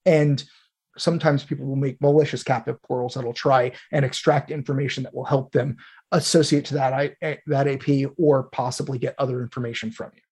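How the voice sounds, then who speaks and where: Acting as host, a man talks through technical material informally, explaining and thinking aloud as he goes. His medium-pitched voice is level, brisk, a little mellow and slightly rough.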